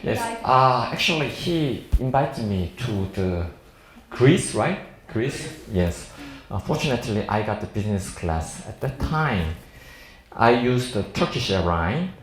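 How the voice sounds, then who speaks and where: A plastic surgeon from South Korea, in his 40s and a native Korean speaker, lectures informally at a medical seminar in an echoey indoor room. His mid-range voice is very animated, and his accented English is halting and jovial with frequent chuckles. A crowd can be heard behind him.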